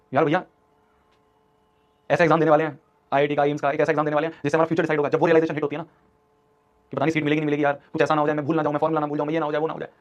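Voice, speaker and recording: A young man in his twenties, an online teacher giving a motivational class talk in an urgent, scolding, repetitive way. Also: a little high. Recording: dull lo-fi stream audio.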